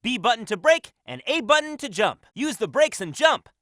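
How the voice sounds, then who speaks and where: A man's voice: extremely high pitch, sing-song, normal speed, a bit bright, no echo, clean studio sound, full character voice. A man voicing a cocky, upbeat young cartoon hedgehog hero in a video game, brash and confident. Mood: upbeat, instructive. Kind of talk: video game character voice lines.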